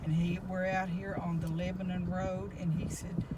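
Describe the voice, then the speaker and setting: Loud vehicle noise surrounds an older woman. She sits a little way from the mic and tells a casual, folksy story, rambling along as she goes. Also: lowish voice, level tone, moderate pace. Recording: loud car and road noise, distant mic.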